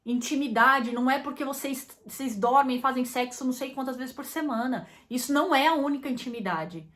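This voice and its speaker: Uma mulher com sotaque brasileiro dá conselhos sobre relacionamentos numa conversa casual, falando direto com quem ouve, com muitas pausas e recomeços. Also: female voice, high-pitched, a bit bright. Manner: thoughtful, many restarts and fillers, addresses listeners directly. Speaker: relationship advice speaker. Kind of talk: casual advice talk.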